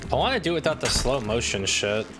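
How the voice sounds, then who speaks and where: With video game music playing behind him, a male game streamer offers casual commentary in a quick, sing-song, medium-pitched voice. He mutters offhand remarks and swears to himself as he plays.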